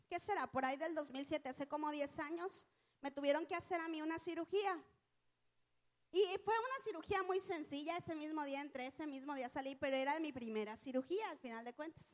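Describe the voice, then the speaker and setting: A woman's voice: high-pitched, fairly quick. A woman giving a casual church lesson, telling a personal story in a conversational, colloquial way. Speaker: church teacher.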